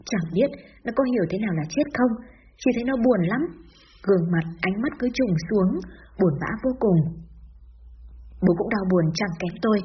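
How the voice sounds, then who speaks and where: Brief: female storyteller, sorrowful and steady, fast delivery. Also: medium pitch. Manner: sorrowful, steady first-person telling. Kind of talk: scripted story narration. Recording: dull lo-fi with faint hiss.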